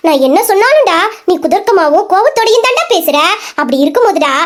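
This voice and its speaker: A woman's voice: extremely high pitch, big pitch swings, fast talker. A woman voicing a young wife in an audio drama, pleading with her angry husband and then taunting him. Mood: defiant, taunting. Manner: pleading, defiant. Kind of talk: Tamil audio drama acting.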